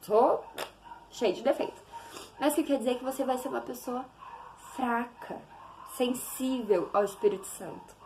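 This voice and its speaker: A young woman giving a casual devotional talk to camera, animated and acting out prayers and little dialogues in playful voices. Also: fairly high pitch, moderate pace, long pauses, a little hiss or hum.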